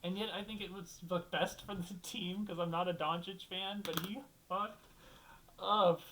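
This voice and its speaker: A man's voice: sits high, fairly even intonation, moderate pace, bright, forceful tone, a little hiss or hum, poor audio. A young man hosting a solo basketball talk show, rambling and thinking aloud, restarting sentences and swearing casually.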